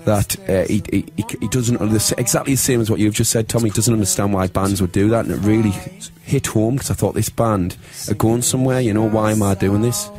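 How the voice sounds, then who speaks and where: A man's voice: on the low side, a little fast, few pauses, darkish tone, soft background music. A young man with a Sunderland Mackem accent, chatting colloquially as a band singer in a radio interview. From Sunderland, north-east England. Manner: chatty, colloquial northern phrasing. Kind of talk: casual radio interview chat.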